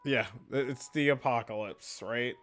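A man hosting a let's play, reacting loudly, laughing and swearing as he comments on the game. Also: mid-range voice, moderate pace, faint music behind.

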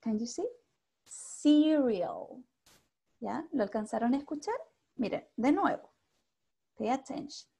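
A woman's voice: fairly high pitch, animated, normal speed, gravelly, mellow, husky. A woman with a Chilean Spanish accent teaching an English class over a video call. She is patient, checks in with the students constantly and mixes English into her Spanish.

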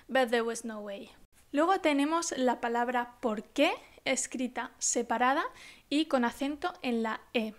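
High-voiced woman teaching Spanish grammar. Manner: slow, careful teaching delivery with dictation. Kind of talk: language lesson explaining grammar with examples.

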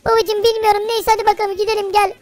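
A man voicing an excitable, whiny little boy in a Minecraft role-play, calling his dad in a chatty way. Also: extremely high pitch, fast talker, pitched above the performer's own voice. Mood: curious.

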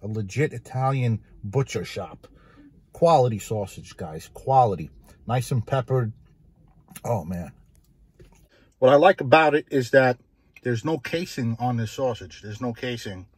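A man hosts a casual food review vlog about pizza, talking eagerly and repeating his key phrases for emphasis. His mid-pitched voice is somewhat husky, expressive and unhurried. The recording is dry and close, with no room sound at all.

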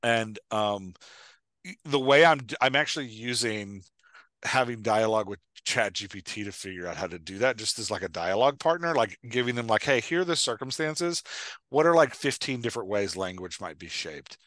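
On a video call from an indoor room, a forties-aged podcast host and writing coach talks things through casually on a headset mic, thinking out loud and restarting sentences. His pitch is fairly low with lively intonation, his tone fairly bright, his pace moderate, and the sound dry.

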